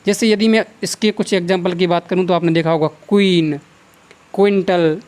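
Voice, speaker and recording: A male teacher giving a Hindi grammar lesson with a North Indian accent. He asks the class questions, answers them himself and repeats each sound slowly for drill. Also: high-pitched, fairly even intonation, darkish tone. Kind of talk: classroom lecture.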